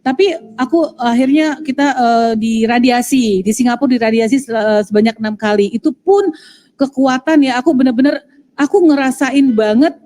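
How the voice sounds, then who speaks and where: Woman, emotional testimony, halting delivery, highish mellow voice. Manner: halting, many fillers and restarts. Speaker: guest sharing testimony.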